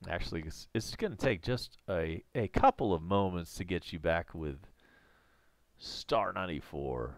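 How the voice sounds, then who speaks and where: A man doing live play-by-play of a soccer match, going a little hoarse. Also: low voice, expressive, normal speed, hardly any pauses, no room sound. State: losing his voice. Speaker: live reaction host. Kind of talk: live game commentary.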